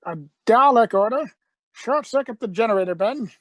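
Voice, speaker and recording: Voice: medium pitch, expressive, moderate pace, no echo, natural voice. An actor playing an eccentric, defiant space-travelling Doctor in a radio play, urgent and given to repeating phrases. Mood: commanding.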